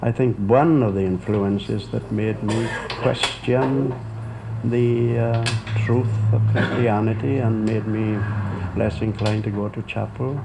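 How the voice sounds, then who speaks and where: A man's voice: medium pitch, creaky. A man with a South Wales accent, reflecting on his experience in an interview. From Rhondda, Wales. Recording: noisy archive interview recording.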